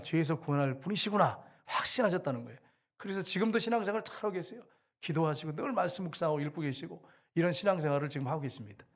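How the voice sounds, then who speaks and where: Pastor, male, mid-high voice, preaching with emphatic, dramatic retellings of scripture. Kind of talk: sermon.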